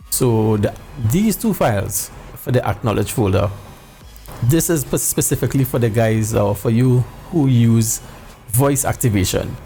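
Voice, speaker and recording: A middle-aged man hosts a casual how-to video. His voice is mellow with plenty of fry, and he talks informally into a headset mic with music behind him. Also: on the low side. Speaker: sim racing video host. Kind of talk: casual tutorial talk to viewers. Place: indoor home room.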